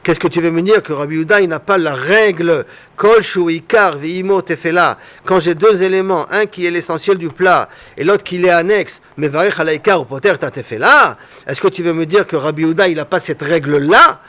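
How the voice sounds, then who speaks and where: Man, Talmud teacher, fairly high pitch, step-by-step explaining, rhetorical questions, lesson style. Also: a little fast, fairly bright tone.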